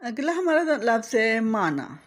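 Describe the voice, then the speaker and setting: Her voice sits on the high side and is very animated, though a little slow, as she explains pronunciation step by step. She deliberately spells out each vowel mark letter by letter, then says every word again.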